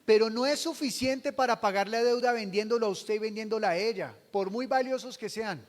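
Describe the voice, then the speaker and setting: A man preaching a sermon as pastor, asking the congregation questions and swinging from hushed to loud. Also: high voice, a little fast, in a large hall. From Colombia.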